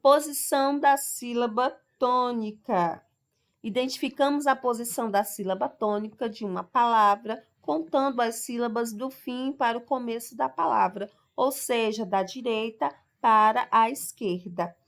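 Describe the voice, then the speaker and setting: A woman teacher with a slightly high voice explains her lesson patiently, one step at a time. She slows right down on each example word and keeps checking that her class follows along. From Brazil. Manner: explains step by step, stresses example words slowly. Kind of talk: recorded school lesson.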